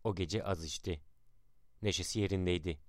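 A man narrating a historical account in a measured, dramatic reading style. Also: low voice, no room sound, clean studio sound.

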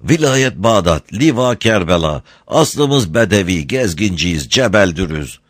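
A man's voice: low-pitched, animated, measured pace, no echo, clean studio sound. A man voicing a humble, pleading wandering Bedouin shepherd in a read-aloud story. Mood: earnest. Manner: pleading, servile, repeats he is a sacrifice.

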